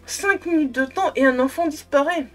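A young woman with a high voice talks casually to camera in a room at home. She is effusive but halting, often doubling back to repeat a word or phrase. Faint music sits behind her voice. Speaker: book vlogger. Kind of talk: casual chat, book review to camera. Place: small room at home with bookshelves.

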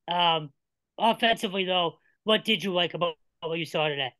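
Bright-voiced reporter asking questions. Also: male voice, high-pitched, moderate pace, no room sound, low-quality recording. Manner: friendly, hesitant questions with fillers. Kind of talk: press conference questions.

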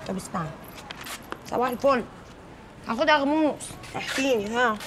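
A woman's voice: on the high side, expressive, a little fast, lightly acted. An actress with an Egyptian accent playing a naive, hesitant young mother in a TV drama. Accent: Egyptian Arabic. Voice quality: wary, questioning. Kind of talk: TV drama acting. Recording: distant mic with faint background noise.

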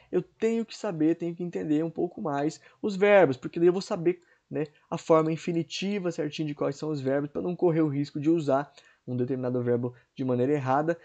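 A man's voice: a little high, warm tone. A man teaching an English grammar lesson to students online, explaining step by step and checking in often with "right?". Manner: explanatory, repeats checks like "certo?" and "né?"; clears throat now and then.

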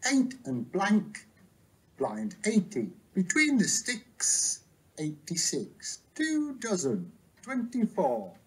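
A bingo caller announcing numbers with traditional rhymes, each rhyme followed by the number in a lower, falling tone. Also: wildly swooping pitch, takes it slowly, breathy edge.

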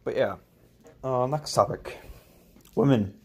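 A young man rambles crudely while he cooks in a home kitchen, filming himself on a handheld phone. His voice sits at a medium pitch, mumbled and offhand, full of swearing. Faint background noise runs under the phone recording. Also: slow pace. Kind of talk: rambling casual vlog while cooking. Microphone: phone camera held and moved around.

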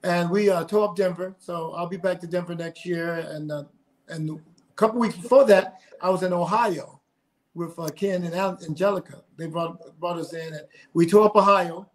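A middle-aged man from South Carolina, appearing as a guest singer, gives earnest answers in a casual interview over video call from indoors at home. His high voice runs at normal speed with fairly even intonation, and he repeats words as he gathers his thoughts. The recording quality is low.

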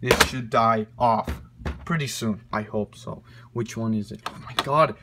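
A man rants in a slow, drawn-out way, exasperated and swearing constantly. His mock outrage comes through a noisy home recording full of clicks. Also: lowish voice. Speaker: online video ranter. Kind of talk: profane comedic rant.

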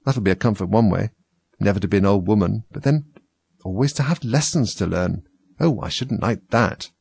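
A man's voice: fairly low pitch, moderate pace, gravelly, a little mellow, breathy edge, no room sound. A man voicing a chatty young girl who muses earnestly and plaintively to herself in a storybook. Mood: self-scolding. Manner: musing, earnest. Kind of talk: storybook character voice.

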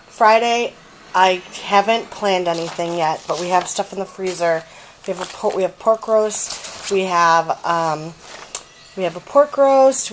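A woman's voice: medium pitch, slight background noise, rough recording. Chatty woman showing her grocery haul. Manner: chatty, listing items with fillers. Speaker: vlogger. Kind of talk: casual grocery haul chat. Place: home kitchen. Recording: plastic bags crinkling in the background.

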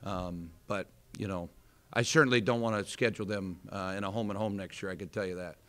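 This American man in his thirties speaks a little fast in a low, steady, somewhat bright voice. As head basketball coach, he talks candidly at a postgame press conference, often restarting and using many fillers. A table mic in front of him records him in an indoor press room with a sponsor backdrop behind.

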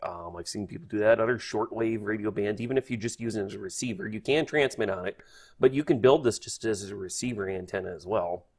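A man with a lowish voice hosts a casual hobby tutorial over a screen, talking fast. As a hobbyist instructor, he thinks aloud in a hesitant, folksy manner.

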